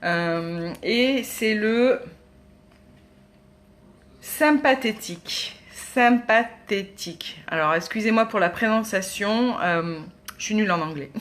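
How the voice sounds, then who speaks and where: A woman's voice: medium pitch, measured pace, fairly bright tone. A woman, chatting casually as a beauty vlogger demonstrating makeup, with many hesitations. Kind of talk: casual product demo.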